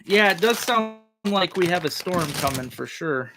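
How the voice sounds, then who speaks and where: A man's voice: high voice, lively intonation, normal speed, noisy background. A man hosting a livestream, chatting casually with viewers in a folksy, rambling way. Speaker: livestream host.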